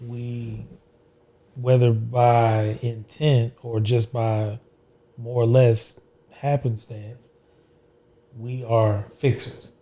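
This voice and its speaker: A man hosting a podcast, asking measured, deliberate questions. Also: mid-range voice, level tone, mellow. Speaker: podcast host. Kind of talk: interview conversation.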